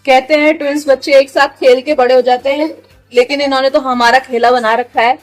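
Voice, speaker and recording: A high-pitched woman talking at home, switching between coaxing her little children and scolding them with playful threats. Between the kids' squabbles she chats casually to the camera, with faint music underneath. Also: flat delivery, fairly quick. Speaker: mother vlogging her day with three young children. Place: at home, indoors.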